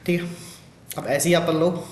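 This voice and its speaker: A man's voice: on the high side, steady tone, moderate pace. Hindi-speaking man teaching biology, echoey room. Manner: addresses students as "beta", frequent "thik hai" and "hai na" check-ins. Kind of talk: exam question walkthrough lecture.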